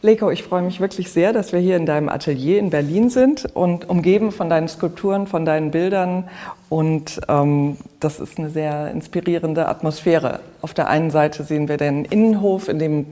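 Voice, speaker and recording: A podcast host opens with a scripted introduction, then asks questions in an artist's studio. The voice sits at a middle pitch and stays calm and even, with a filler sound here and there. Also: normal speed.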